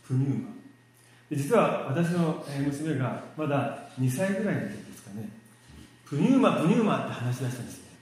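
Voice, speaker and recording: Man preaching in a very echoey hall. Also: medium pitch. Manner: relaxed, self-deprecating, joking; many fillers and pauses. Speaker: lay preacher. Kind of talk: church sermon with humor. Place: church hall.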